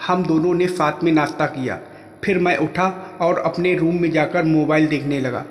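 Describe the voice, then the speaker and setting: A man's voice: a little high, fairly even intonation, normal speed. Man narrating a story in an echoey room. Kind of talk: first-person story narration. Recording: echoey room with long reverb.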